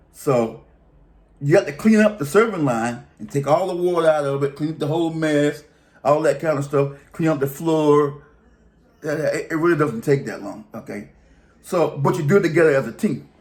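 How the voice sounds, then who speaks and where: A man's voice: fairly high pitch, lively intonation, moderate pace, pauses often, darkish tone. A man telling a long story in a casual, rambling, colloquial way, often restarting his sentences. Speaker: vlogger.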